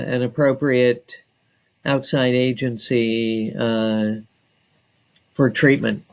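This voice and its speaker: Slow, deliberate man giving a software walkthrough. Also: mid-range voice, smooth, highs cut off. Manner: slow and deliberate, many filler pauses. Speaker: software trainer. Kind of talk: screen-share software tutorial.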